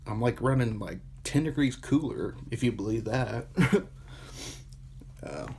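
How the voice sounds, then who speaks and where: A young man in his twenties walks through his PC build at an unhurried pace, sounding tired. He rambles, swears casually and laughs at his own rookie mistakes. A faint hiss sits under the recording. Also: mid-range voice, expressive, darkish tone. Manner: rambling, swears often, self-deprecating. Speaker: PC hobbyist vlogger. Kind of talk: casual off-the-cuff show-and-tell.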